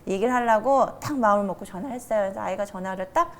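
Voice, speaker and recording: A woman's voice: medium pitch, racing. A middle-aged woman telling a personal story in conversation as a guest, acting out the quoted dialogue vividly. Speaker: church talk show guest.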